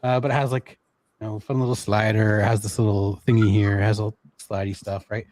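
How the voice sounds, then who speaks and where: A man with a Canadian accent presenting a live software demo in a casual, chatty way, laughing now and then. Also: fairly low pitch, little pitch movement, fairly quick, no room sound.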